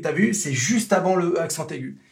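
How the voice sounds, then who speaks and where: French-native male tutor, a touch high-pitched, relaxed lesson delivery, drills sounds by repetition. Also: vocal fry. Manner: demonstrates sounds slowly and repeats them. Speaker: English pronunciation teacher. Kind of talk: casual spoken lesson.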